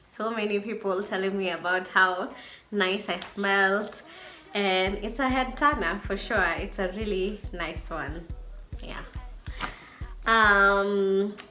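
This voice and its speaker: Slow-paced, effusive woman vlogger over music. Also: medium pitch, sharp tone. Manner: effusive, repeats words for emphasis. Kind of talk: casual chatty product review to camera.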